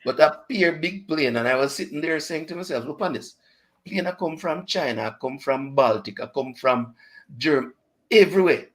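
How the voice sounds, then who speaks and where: Hosting a radio chat show, a man with a Jamaican accent speaks fairly quickly in an expressive, slightly high voice. He chats casually, switching into patois and laughing a lot.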